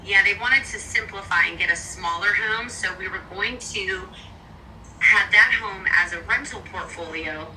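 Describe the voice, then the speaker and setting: A woman's voice: medium pitch, normal speed, sharp tone. Lady realtor talking over the phone, chatty, kinda far off and hissy. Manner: chatty, explains at length. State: bad cell service. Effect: heard over a phone call. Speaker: real estate agent. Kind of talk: casual phone conversation. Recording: distant phone line, faint noise.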